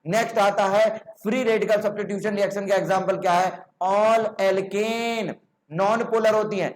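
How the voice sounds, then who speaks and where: High-voiced man teaching chemistry. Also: slight background noise. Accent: Hindi. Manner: explains step by step, asks and answers his own questions; checks in with "ठीक है ना". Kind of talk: online lecture.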